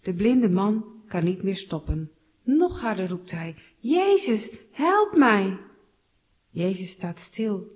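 Woman, children's Bible storyteller, clear simple telling, muffled sound. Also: fairly low pitch, a little slow. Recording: slightly dull recording.

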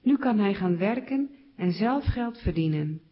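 A woman telling a Bible story to children in simple, clear words. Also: mid-range voice, expressive, unhurried. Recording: slightly dull recording.

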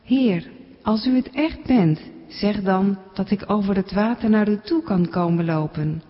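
A woman's voice: medium pitch, moderate pace, natural voice. A woman voicing an impulsive adult male fisherman disciple, calling out in a raised, urgent voice. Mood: eager. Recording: dull recording with long reverb.

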